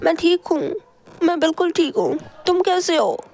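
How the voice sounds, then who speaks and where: A woman voicing an anxious, gentle young woman in a read-aloud story, pleading with a rush of worried questions. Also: very high-pitched, big pitch swings, moderate pace, creaky, voice pushed up, full character voice. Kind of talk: storybook reading.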